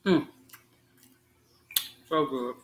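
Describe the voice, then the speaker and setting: A woman vlogging while she eats, talking slowly between bites with her mouth full and chewing. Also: a bass voice. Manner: slow, relaxed talk between bites, murmuring. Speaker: mukbang vlogger. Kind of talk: casual eating vlog chat. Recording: echoey room.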